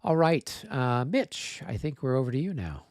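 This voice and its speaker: A man's voice: mid-range voice, very animated, normal speed, a little mellow, no echo. A man hosting a livestream of a tabletop wargame, chatting casually and laughing often. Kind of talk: casual chat.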